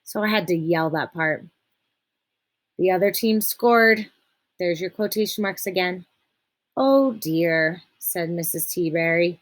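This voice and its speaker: Patient woman teaching kids to read. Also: fairly low pitch. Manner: patient, explains slowly and clearly, reads aloud with expression. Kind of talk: remote reading lesson for children.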